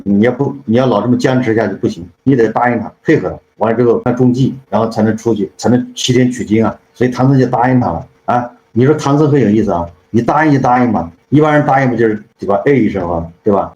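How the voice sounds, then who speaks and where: A man's voice: medium pitch, a little mellow. A man hosting a show, retelling a classic story in a chatty, casual way and often asking "you know?". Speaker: storyteller host. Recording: roomy, dull lo-fi sound.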